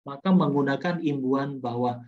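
Male teacher, mid-pitched, explains grammar and answers his own questions, lo-fi muffled sound. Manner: lively, asks rhetorical questions and answers them; slows down to repeat example sentences. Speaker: English teacher. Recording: muffled lo-fi recording.

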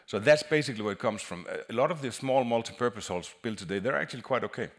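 A man with a mid-range voice and lively intonation presents at a conference on a stage in a large hall. He's an acoustic designer, and he halts and repeats words as he works through his explanation.

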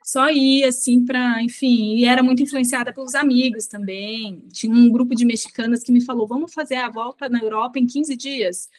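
A woman in her thirties chatting on a video call as an interview guest, relaxed and reflective, often ending lines with a quick tag question. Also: on the high side, no echo. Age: 30s. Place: small bedroom indoors. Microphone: laptop webcam on video call.

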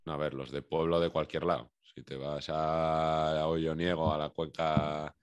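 A young Spanish man with a Spain Spanish accent talks through a podcast in a loose, slangy manner. His voice sits extremely low. The recording is dry, with no room sound at all. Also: unhurried, clean tone, no room sound. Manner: relaxed and chatty, slangy. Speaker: podcast co-host. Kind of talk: casual chat.

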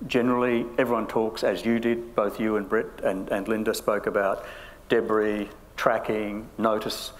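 Deliberate male panel moderator. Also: on the low side, level tone. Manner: deliberate, questioning. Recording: hall reverb with faint noise.

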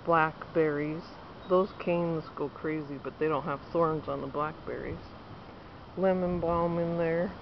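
A woman's voice: deep voice, fairly even intonation, unhurried. Woman giving a chatty backyard garden tour. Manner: chatty, pointing things out while walking. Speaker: home gardener. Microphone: handheld camera at arm's length. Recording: dull lo-fi outdoor camera audio, clear background noise.

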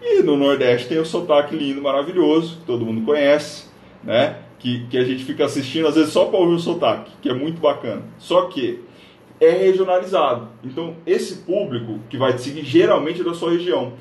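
A man's voice: fairly high pitch, lively intonation, fairly quick, darkish tone. A man from northern Paraná, Brazil, hosting a live stream and coaching viewers on social media in an upbeat, direct way, talking straight to the camera. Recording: echoey room.

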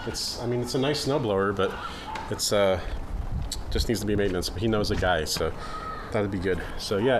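Casual family vlogger, man in his forties, lowish voice, noisy camera audio. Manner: rambling, easygoing, restarts sentences. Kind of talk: casual vlog chat. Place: garage at home, indoors. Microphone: handheld camera close to face.

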